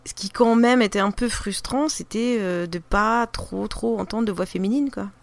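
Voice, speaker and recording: Gravelly and medium-pitched, this woman speaks at a normal speed with a regional French accent. As a podcaster in a casual interview, she rambles with plenty of fillers and restarts.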